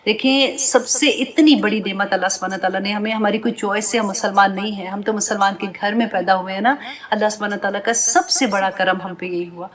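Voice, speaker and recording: A woman's voice: mid-range voice, steady tone. A woman with a mid-range voice teaches a scripture class. She moves through verses phrase by phrase, translating each one before explaining it with earnest, direct appeals to her students. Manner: addresses listeners directly, often adding tag questions. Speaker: Quran teacher. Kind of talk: Quran commentary lesson to a class.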